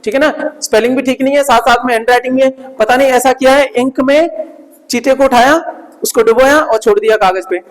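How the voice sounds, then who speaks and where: A man's voice: very high-pitched, brisk, long reverb tail, rough recording. A man teaching English vocabulary in Hindi, drilling pronunciation, asking students to repeat, and adding playful jokes and frequent tag questions. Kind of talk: classroom vocabulary lesson.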